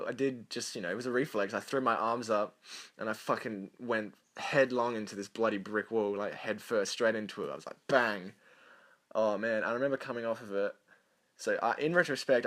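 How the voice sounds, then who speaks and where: A man's voice: lowish voice, a bit bright. A young man casually telling a long personal story, rambling, swearing a lot and laughing between lines. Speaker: storyteller over gameplay.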